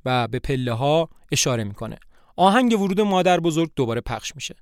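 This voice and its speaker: Guy retelling a play as a story, animated up-and-down voice, dry close sound. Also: fairly high pitch, no echo. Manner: lively, animated narration. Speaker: narrator and podcast host.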